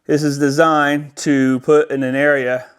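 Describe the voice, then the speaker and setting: Showing off a product near a window in a house, an American audio-video installer explains it casually and with some hesitation as he unboxes and demonstrates it. His voice is fairly high and clean, with little pitch movement and a measured pace.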